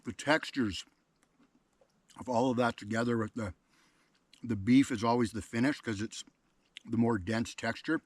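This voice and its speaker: A man's voice: mid-range voice, normal speed, long pauses, dry recording. A man cooking over a campfire outdoors by a lake, talking enthusiastically through a casual cooking vlog. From Canada. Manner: enthusiastic, talks with mouth full while tasting.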